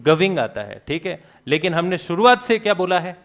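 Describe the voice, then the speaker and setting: Man, classroom lecture, quizzing students, jokey, fairly high voice. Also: big pitch swings, fairly bright tone. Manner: asks the class quick questions and answers them himself; jokey, laughs at his own remarks. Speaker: teacher.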